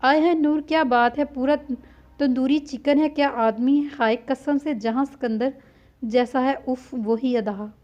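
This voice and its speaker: A chatty, impulsive young woman from a spoken novel gushes and sighs theatrically, as a woman reads her part. Her voice sits high. The recording sounds dull and lo-fi. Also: steady tone, a little slow, darkish tone. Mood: gushing.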